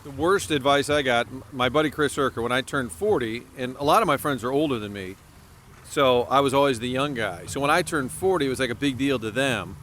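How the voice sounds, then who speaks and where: A man's voice: medium pitch, a little fast, fairly bright tone, slight background noise. A man in his forties hosting a casual chat podcast, hyper and joking. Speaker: podcast host.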